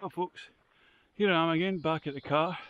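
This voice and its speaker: A man's voice: on the high side, moderate pace, muffled recording, loud music behind the voice. A man, chatting casually to camera in the woods, rambling with lots of ums. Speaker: photography vlogger. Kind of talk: casual vlog chat. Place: outdoors in woodland by a stream.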